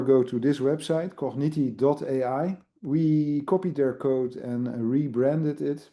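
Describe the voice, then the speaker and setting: A university IT product owner from the Netherlands presents a casual live online demo, his Dutch accent coming through. His voice is medium-pitched and warm, and he keeps things easygoing and full of fillers.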